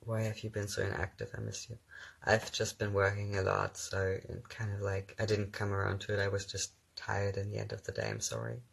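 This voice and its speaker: This low, briskly spoken voice carries vocal fry and sounds a bit bright and slightly rough. It belongs to a young German-native actor chatting casually on his own phone livestream, who reads viewers' questions and responds with ums and light laughter.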